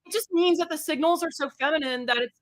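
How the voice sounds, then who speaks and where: Young woman co-host, high bright voice, dry close sound, chatty storyteller. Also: fast, no echo, poor audio. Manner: chatty storyteller, many fillers, animated quotes. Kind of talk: casual chat.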